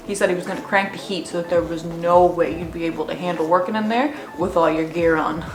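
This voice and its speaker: A woman's voice: fairly low pitch, steady tone, a little fast, lightly acted. A woman playing both parts of a re-enacted conversation, here voicing a blunt, careless male construction coworker. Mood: gossipy. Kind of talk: acted dialogue re-enactment. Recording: roomy echo, faint music.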